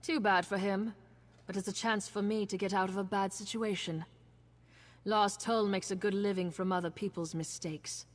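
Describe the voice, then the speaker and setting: A woman's voice: medium pitch, steady tone, normal speed, lightly acted. An actress playing a wary, practical woman gambler in a video game, speaking in a dry, matter-of-fact way. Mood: guarded. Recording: long reverb, faint noise.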